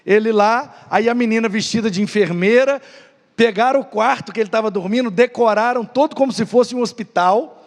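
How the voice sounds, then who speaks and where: Brief: Brazilian man, very high voice, teaching Bible class, long hall reverb. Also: fairly quick. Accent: Brazilian Portuguese. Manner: lively, storytelling, rhetorical questions. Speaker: pastor teaching Sunday Bible school.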